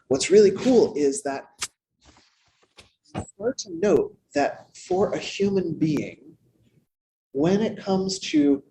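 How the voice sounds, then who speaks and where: A man giving a sermon as minister, in a conversational, playful way with animated asides. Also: a little high, slight background noise, rough recording. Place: church sanctuary.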